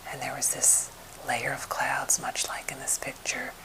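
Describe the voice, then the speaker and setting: A woman's voice: very deep voice, sing-song, rough recording. Whispering American woman, ASMR finger-tapping chat. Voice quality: soft, breathy whisper. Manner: gentle, unhurried rambling storytelling. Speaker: ASMR creator showing wooden objects.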